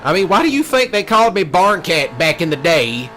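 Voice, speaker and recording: A male streamer with a Southern US accent rambles casually over gameplay in a folksy, brash rant full of rural slang, often repeating himself. His voice is high and a little fast, and the noisy recording has steady vehicle sounds behind him.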